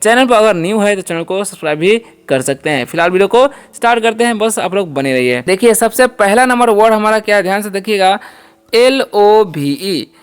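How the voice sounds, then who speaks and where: A man's voice: sits high, animated, fast talker, hardly any pauses, clean tone. A man teaching a beginners' spoken English lesson, explaining word by word and asking and answering his own questions. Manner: often adds "ठीक है" checks.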